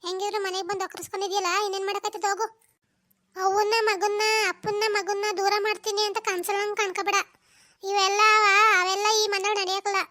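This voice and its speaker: A woman voicing a sharp-tongued village mother-in-law who curses and wails loudly in a cartoon. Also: very high voice, little pitch movement, fast talker. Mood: bossy angry. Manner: loud cursing rants, wailing complaints. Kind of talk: cartoon voice acting.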